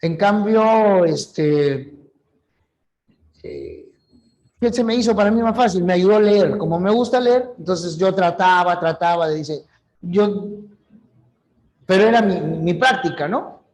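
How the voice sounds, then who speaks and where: A man's voice: high-pitched, slow, pauses often, darkish tone. A middle-aged man, teaching a language class in a chatty way, asking questions and answering them himself. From Peru. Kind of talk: online class lecture.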